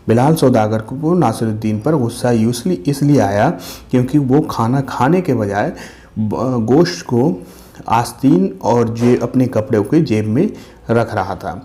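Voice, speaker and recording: A man teaching children a school lesson, reading the story aloud and then explaining word meanings slowly and patiently, often checking in with "theek hai". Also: mid-range voice, warm tone. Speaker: Urdu teacher.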